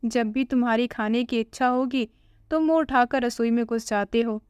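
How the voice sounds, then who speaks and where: A woman voicing a sharp-tongued young daughter-in-law with cutting, scornful retorts. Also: on the high side, fairly even intonation, normal speed, clear, resonant tone, no echo, lightly acted.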